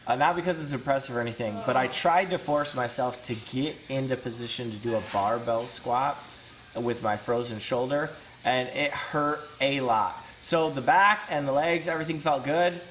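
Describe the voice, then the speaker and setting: A man's voice: mid-range voice, normal speed, a bit bright, a little hiss or hum. A man in his thirties talking casually about his training and commenting on workout footage, rambling and self-deprecating, with many fillers and restarts. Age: 30s. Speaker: vlogger and strength athlete.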